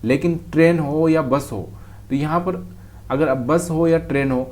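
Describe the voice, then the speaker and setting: A man's voice: on the high side, unhurried, darkish tone. Man explaining trading charts. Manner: talks straight to the viewer, calls them brother. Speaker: trading teacher. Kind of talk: casual explanation over a chart.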